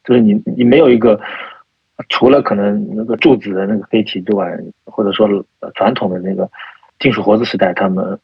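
A man's voice: on the low side, steady tone, fairly quick, slightly rough, dry recording. A man speaking as a podcast guest, thinking aloud with many fillers and restarts. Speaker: guest, type researcher. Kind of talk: casual podcast conversation. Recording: dull lo-fi sound.

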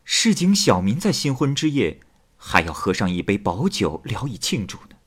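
Guy putting on a soft breathy young wife's voice, barely above a whisper, husky and low, storybook telling. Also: very animated, moderate pace, full character voice. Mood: mocking. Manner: hushed, breathy near-whisper. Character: young wife, grieving then cold and scheming.

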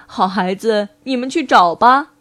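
A big, friendly goldfish in a storybook, speaking a little lower and kindly, as a woman puts it on. It sounds good-natured and patient with small creatures. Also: measured pace, a bit bright.

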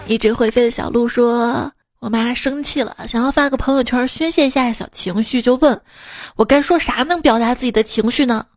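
Lively woman reading funny stories. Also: fairly high pitch, brisk, no echo, studio quality. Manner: lively, laughs at her own jokes, acts out quoted lines. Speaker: comedy podcast host. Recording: background music.

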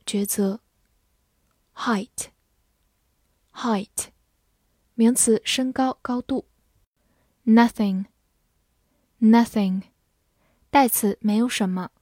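A woman runs a vocabulary lesson in a somewhat high voice, saying each English word slowly twice before reading its meanings. Her pace stays slow and deliberate, and the recording is close and dry. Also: fairly even intonation, darkish tone, dry recording.

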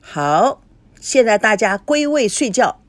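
A woman voicing a bossy, sharp-tongued young woman who leads the group and scolds them. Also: on the high side, big pitch swings, takes it slowly, dry recording. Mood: bossy scolding. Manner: scolding, commanding.

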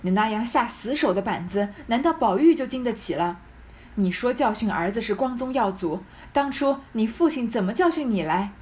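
Loud sharp-tongued grandmother, cold and scolding, as a woman reader puts her on. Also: on the high side, animated, normal speed, slight background noise, close to an everyday voice. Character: stern grieving old grandmother matriarch.

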